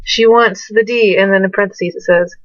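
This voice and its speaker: Sick and a bit rougher than normal, a young woman answers fan questions in a casual webcam vlog, joking at her own expense and filling gaps with fillers. She talks a little fast in a steady, mid-range voice, with no echo, though the webcam mic gives dull lo-fi audio.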